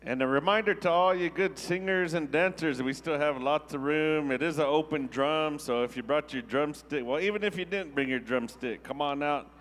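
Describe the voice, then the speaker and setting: A man's voice: fairly high pitch, moderate pace, few pauses, a bit bright, slight background noise. A man working as a powwow emcee, making announcements in a folksy, joking, informal way.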